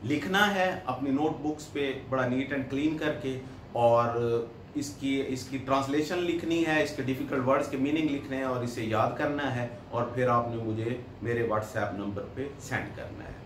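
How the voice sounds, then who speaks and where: A man's voice: medium pitch, normal speed, a little hiss or hum. A man, an English teacher giving a recorded lecture, reading each phrase and translating it, repeating it and stressing the key words. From Pakistan. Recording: echoey room, voice far from the mic.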